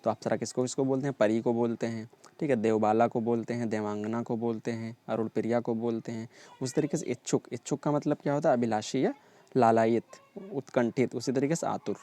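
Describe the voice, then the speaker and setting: A man's voice: medium pitch, steady tone, a little fast, warm tone. A man teaching an exam-prep lesson, drilling word lists and often checking in with his students. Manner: repetitive drilling, frequent "ठीक है" check-ins.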